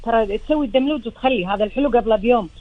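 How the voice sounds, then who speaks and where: Speaking very fast in a voice on the high side, a woman with a Gulf Arabic accent chats as a guest chef, looking back on things interview-style and posing rhetorical questions to explain. She sounds slightly tired and strained, and the audio is narrow and tinny.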